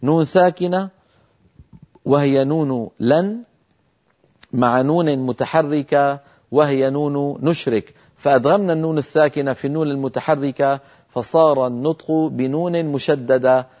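Man teaching recitation, muffled audio. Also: on the high side. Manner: explains each rule calmly, then demonstrates it slowly twice with drawn-out nasal sounds. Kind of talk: televised recitation lesson.

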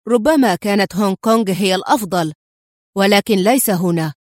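A woman reading an angry, chain-smoking male police inspector in an audiobook, with a sharp, scolding manner. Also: sits high, brisk, dry recording, studio quality, natural voice.

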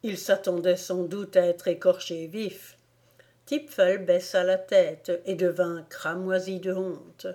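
A woman narrating a classic storybook in a calm, measured voice. She reads very slowly, with a low, dark, mellow tone. The delivery is steady and gentle. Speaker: audiobook reader.

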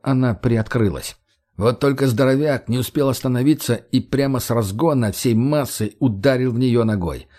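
A man reading an audiobook in a steady, even narrating manner. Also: medium pitch. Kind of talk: scripted narration.

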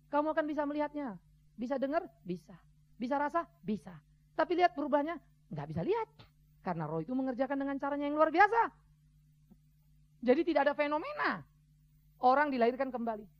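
A man preaching a sermon as a pastor, conversational and lively, acting out other people's voices. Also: extremely high pitch, fast, long pauses. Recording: dull lo-fi sermon recording.

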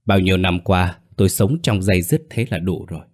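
A man's voice: deep voice, normal speed. A man playing a stern, principled older father. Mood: calm, firm. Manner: calm, firm and reproachful.

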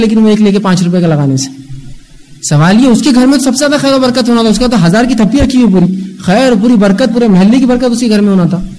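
A man delivers an Islamic lecture in a high yet mellow voice. He talks with animation, slipping into the voices of the people in his examples. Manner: animated, acts out scolding voices. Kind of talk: religious lecture.

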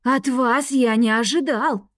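Woman reader doing a slow, gruff dragon headmaster, bossy and irritable. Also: a little high, steady tone, dry recording, studio quality. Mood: stern commanding. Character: stern grumpy male dragon rector.

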